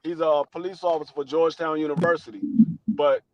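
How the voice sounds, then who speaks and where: A man chatting as a podcast guest, rambling and halting with many restarts while he tells family stories. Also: fairly high pitch, little pitch movement, a little mellow. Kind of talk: casual podcast chat. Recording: dull lo-fi audio with crowd noise.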